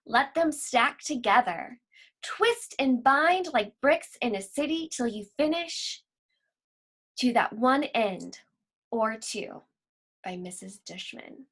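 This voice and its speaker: A woman with a sharp, rather high voice teaches children in the manner of a school librarian, keeping explanations simple and reading aloud with care.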